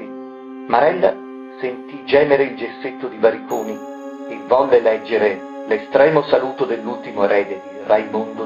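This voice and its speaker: Male narrator for a dark story, measured and dramatic, echoey, slightly muffled, soft instrumental music under. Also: medium pitch. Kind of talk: scripted story reading.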